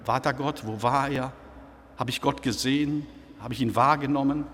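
A man preaching a sermon in a church, slow and reflective, posing question after question to the congregation. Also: medium pitch, fairly even intonation, fairly bright tone, slight background noise. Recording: church hall with long reverb.

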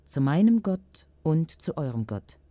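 A woman reading the words of a calm, grave male teacher in a scripture reading. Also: deep voice, a little slow, dry recording, full character voice. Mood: solemn.

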